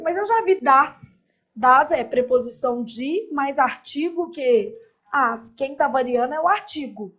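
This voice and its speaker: Woman, grammar teacher, high voice, chatty and joking, lo-fi dull recording. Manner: chatty, joking asides, rhetorical "né?" tags. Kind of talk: casual classroom lecture. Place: classroom.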